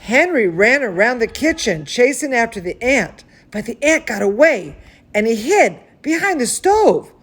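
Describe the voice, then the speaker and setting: Very animated and fairly high-pitched, a woman reads a bedtime story to young children at a measured pace, adding affectionate, chatty asides and exclamations along the way. Besides hosting bedtime stories, she teaches cooking.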